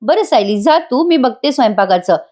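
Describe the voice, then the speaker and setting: A woman's voice: on the high side, animated, moderate pace, dark tone, pitched above the performer's own voice. A woman voicing a kind, reassuring middle-aged mother-in-law, read as part of a voice-over review. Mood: affectionate. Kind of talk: voice-over review re-enacting serial dialogue.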